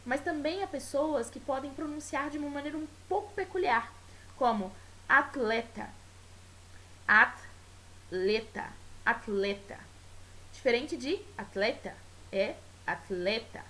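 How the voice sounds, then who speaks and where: A Brazilian woman teacher giving a recorded Spanish lesson with a Brazilian Portuguese accent. She explains patiently and keeps checking in with her class. She stretches out example words slowly so they can hear the pronunciation. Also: high-pitched, low-quality recording. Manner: checks in often with tag questions. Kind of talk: recorded school video lesson.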